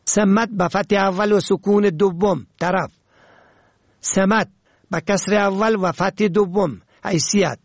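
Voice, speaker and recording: Reading a scripted language lesson, a high-pitched man lists words and their pronunciations in a measured, steady tone with a breathy edge. The recording is dry.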